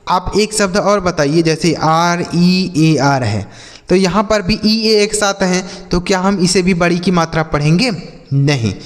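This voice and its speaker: A man's voice: high-pitched, measured pace, in a large hall. A man teaching English reading step by step. He asks his students questions and answers them himself. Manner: addresses students as kids and brother. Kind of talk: classroom-style phonics lesson.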